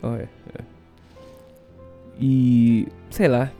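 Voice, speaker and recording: Hungover Brazilian man, very dark mellow voice. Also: medium pitch, flat delivery, drawn-out words, soft background music. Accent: Brazilian Portuguese. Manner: hesitant, rambling. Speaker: solo show host. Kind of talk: casual rambling monologue.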